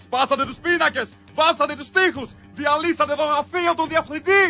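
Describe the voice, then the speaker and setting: An actor playing a bossy man who yells insults at rebellious students in a comedy sketch. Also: very high-pitched, over music. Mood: furious. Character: blustering man scolding occupying students.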